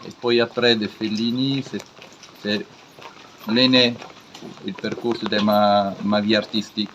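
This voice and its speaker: A man with an Italian accent, a native Italian speaker giving an interview in halting, foreign-accented French, searching for words. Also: on the low side, level tone, fairly bright tone. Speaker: interviewed artist. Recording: dull lo-fi with faint background noise.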